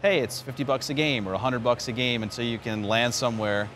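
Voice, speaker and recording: Faint music plays behind a New York baseball radio announcer as he chats through an interview, spinning stories. His medium-pitched voice is fairly even, a little fast and slightly bright. The setting is an outdoor spring training ballpark with clear ambient noise.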